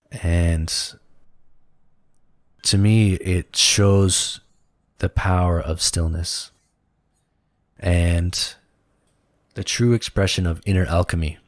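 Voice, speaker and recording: A man's voice: low-pitched, no room sound. A man co-hosting a spiritual talk show, telling a personal story in an earnest, reflective way, with many fillers. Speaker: podcast co-host.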